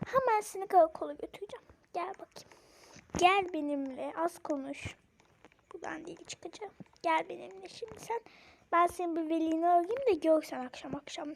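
A woman's voice: extremely high pitch, brisk, vocal fry, slight background noise. Woman doing a stern, bossy police officer. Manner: stern, ordering, lecturing. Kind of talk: game role-play.

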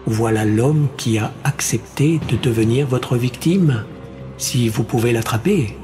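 A man voicing a theatrical television host who speaks slowly and emphatically. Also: medium pitch, dark tone, faint music behind, close to an everyday voice. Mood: grandiose. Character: smooth male TV show host, grandiose.

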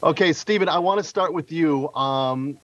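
Higher-voiced man interviewing, slightly dull sound. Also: expressive, moderate pace, no echo. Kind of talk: conversational remote interview. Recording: slightly dull remote link.

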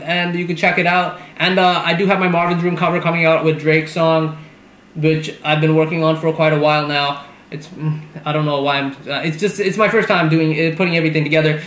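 A man's voice: high-pitched, fairly bright tone, roomy sound, low-quality recording. A man hosting a reaction video, rambling casually with restarts and bursts of laughter. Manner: rambling, restarts often, laughs between thoughts.

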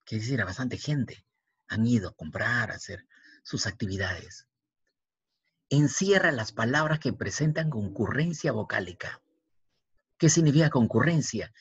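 A male teacher giving a language lesson, speaking slowly, spelling out letters one by one and repeating words. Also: medium pitch, lively intonation, breathy edge, no room sound. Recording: dull, dry, lo-fi recording.

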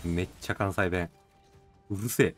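A man's voice: deep voice, fairly even intonation, normal speed, faint music behind. A man chatting casually while playing a game, joking around in an exaggerated put-on Kyoto-style dialect. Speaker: gamer.

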